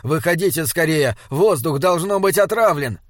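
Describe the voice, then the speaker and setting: A man acts out a jumpy male traveler with a raised, strained voice. He calls out urgently, pitched higher than a calm man. The recording is close and dry. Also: normal speed, no room sound, natural voice.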